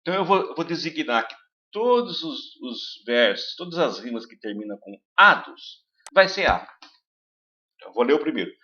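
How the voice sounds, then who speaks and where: Lively bright-voiced man teaching a lesson. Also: a little high, normal speed, highs cut off. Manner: explains step by step, asks the class questions, many fillers like "né" and "então". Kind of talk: recorded video lesson.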